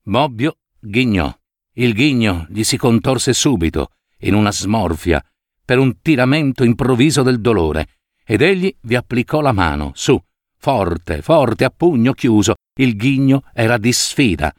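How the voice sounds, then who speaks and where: Expressive male audiobook narrator, dry sound. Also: mid-range voice, measured pace, no echo. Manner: expressive, dramatic reading. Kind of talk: scripted storybook narration.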